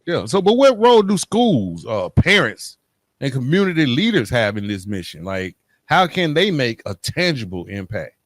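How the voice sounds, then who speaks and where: On his conversational podcast, a middle-aged man stresses his points and repeatedly checks in with tag questions. He has a mid-range, sing-song voice at normal speed, recorded dry with no echo.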